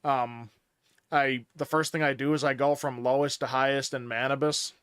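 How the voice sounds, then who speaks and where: A man's voice: medium pitch, steady tone, normal speed, fairly bright tone, clean tone, dry recording, clean studio sound. Rambling man streamer on a headset. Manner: rambling, explains at length with many restarts. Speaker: game streamer. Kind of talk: casual gaming chat.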